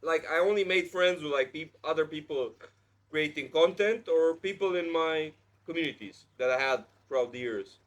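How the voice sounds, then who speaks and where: A man's voice: fairly high pitch, normal speed, fairly bright tone. Blunt chatty man in his thirties. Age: 30s. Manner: heavy use of "like", blunt and preachy. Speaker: podcast host. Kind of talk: casual chat.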